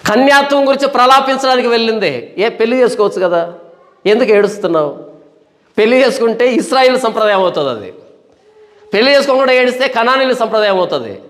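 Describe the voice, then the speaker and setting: Male pastor, high voice, sermon in a long-reverb hall, questioning and emphatic. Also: a bit bright. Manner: questioning, rhetorical, slows to stress points. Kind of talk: Bible study sermon.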